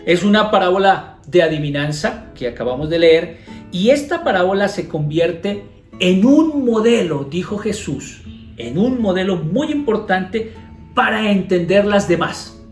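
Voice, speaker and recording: Colombian pastor teaching, echoey room. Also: male voice, high-pitched, lively intonation, measured pace. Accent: Colombian Spanish. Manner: reads the passage then explains it with rhetorical questions. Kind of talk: Bible teaching, reading scripture aloud. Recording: echoey room with soft guitar music behind.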